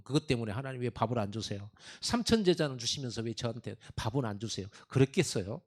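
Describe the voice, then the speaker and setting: Animated middle-aged preaching man. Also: medium pitch. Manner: animated preaching, laughing asides. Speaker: pastor. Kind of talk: sermon.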